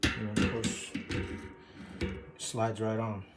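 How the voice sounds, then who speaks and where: A man's voice: on the low side, completely flat delivery, drawn-out words, loud music behind the voice. A man explaining a bike repair in a casual, rambling way, full of fillers, breathing hard from leaning over. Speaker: bike mechanic demonstrating a repair. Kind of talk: casual how-to video.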